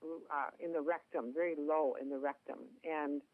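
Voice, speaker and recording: On a tinny, dry phone line, a middle-aged woman with a Minnesota accent, from Minnesota, USA, recounts her story in an interview. She has a deep voice, a steady tone, and a moderate pace, chatting away with self-deprecating humor.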